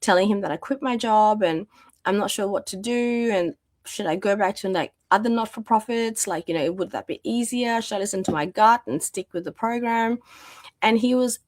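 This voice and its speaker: Her voice sits at a medium pitch and moves at a moderate pace, with no room sound. She is a domestic violence practitioner in her thirties, a guest chattily recounting her story in an interview, using many fillers as her voice fades.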